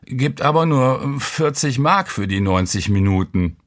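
A man voicing a hungover young man who talks quietly and mumbles, in an audiobook reading. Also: medium pitch, expressive, a little slow, voice pushed up, close to an everyday voice. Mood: groggy, lazy.

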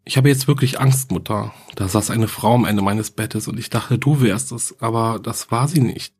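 A man reading the diary entries of a lonely, grieving young girl in a quiet, earnest way, as horror narration. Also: on the low side, normal speed, breathy edge, soft background music. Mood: frightened.

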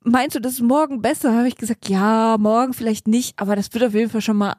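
A woman's voice: a little high, fairly even intonation, quick pace, darkish tone, no echo, studio quality. Giggly young woman on a podcast. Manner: giggly, apologetic. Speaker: podcast co-host. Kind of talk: casual chat.

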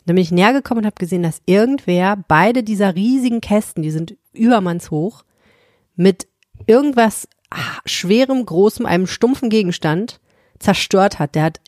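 A woman's voice: medium pitch, moderate pace, dry recording, clean studio sound. A woman co-hosting a podcast, telling anecdotes in casual chat and acting out her own thoughts. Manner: lively storyteller, acts out her own thoughts. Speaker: podcast co-host.

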